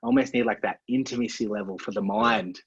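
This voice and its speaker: A man's voice: lowish voice, steady tone, quick pace, breathy edge, no room sound. A man, a podcast guest chatting in a laid-back way, dropping "man" and "like" often. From Australia. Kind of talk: casual podcast conversation. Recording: dull, lo-fi and dry.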